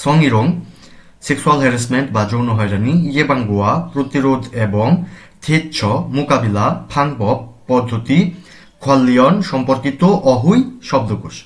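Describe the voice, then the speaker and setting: A man from Bangladesh with a Bangladeshi Bengali accent, teaching grammar and pronunciation slowly and deliberately, repeating each term. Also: medium pitch. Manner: slow, deliberate, repeats terms and spells out sounds. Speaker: language teacher.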